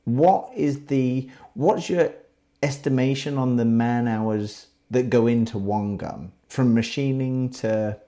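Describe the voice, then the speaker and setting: A man's voice: mid-range voice, slow pace, dark tone. A man hosting a casual interview, asking questions in a chatty, upbeat way. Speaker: podcast host.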